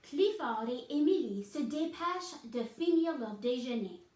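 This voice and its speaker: A woman reads a picture book aloud to children and stops now and then to explain it. Her voice is high and her pace unhurried, and the room gives a roomy echo. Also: expressive, a little mellow. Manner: pauses to explain the story. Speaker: reader.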